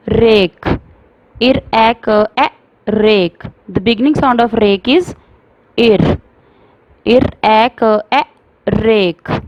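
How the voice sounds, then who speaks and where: A woman teaching phonics to young children, sounding out words slowly and explaining in Hindi mixed with English. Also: medium pitch, darkish tone, a little hiss or hum, poor audio. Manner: slow, drawn-out sounding out of words.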